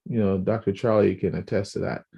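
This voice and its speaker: A man co-hosting a podcast, talking in a casual, animated way, often restarting and repeating words and acting out quoted speech. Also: low-pitched, a little fast, creaky, husky, muffled recording. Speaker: podcast co-host.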